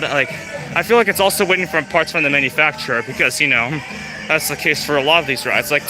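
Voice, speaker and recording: A young man talks through a live stream as he walks a theme park, chatty and loose with plenty of fillers. His voice sits a little high. He is recorded outdoors on a phone with loud park music behind him. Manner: rambling, chatty, lots of fillers. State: out of breath. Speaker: vlogger livestreaming a theme park walk. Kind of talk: casual live walkthrough commentary.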